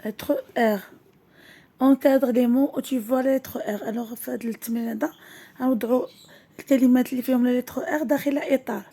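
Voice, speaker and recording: Woman teacher, high and mellow voice, slow and deliberate, repeats each word. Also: fairly even intonation. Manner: switches between French and Arabic. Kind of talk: slow classroom lesson.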